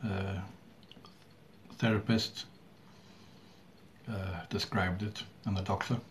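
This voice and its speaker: Slow, low-voiced man. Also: little pitch movement. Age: middle-aged. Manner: halting, with long pauses and throat clearing. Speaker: vlogger. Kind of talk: casual talk to camera. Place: small room at home indoors. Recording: clearly audible background noise.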